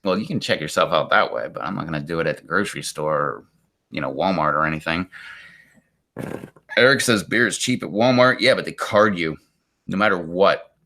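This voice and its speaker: This live streamer, a man in his 40s, has a low, gravelly voice with a sharp edge, and he speaks animatedly and briskly. Chatting casually to viewers, he rambles on, exasperated, filling his talk with "like."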